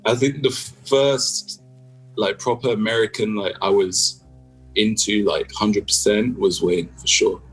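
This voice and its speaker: A man's voice: fairly low pitch, fairly even intonation, a little slow, breathy edge, soft background music. A young man from the UK, a guest musician on a video call, talking in a laid-back way with lots of fillers. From United Kingdom. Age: young adult. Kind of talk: casual video-call interview.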